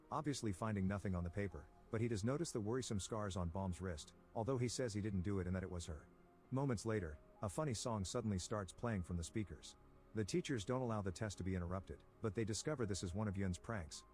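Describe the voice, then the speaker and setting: Recap voice-over, man with a lowish voice, rapid and steady delivery. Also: faint music behind. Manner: brisk, even, steady storytelling. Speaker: recap narrator. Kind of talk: scripted plot-recap narration.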